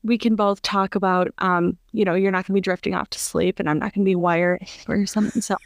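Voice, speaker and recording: A woman's voice: mid-range voice, steady tone, quick pace, creaky, dry recording, clean studio sound. Chatty woman hosting a podcast. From United States. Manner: chatty, loose, with many fillers and restarts. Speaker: podcast host. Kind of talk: casual podcast interview.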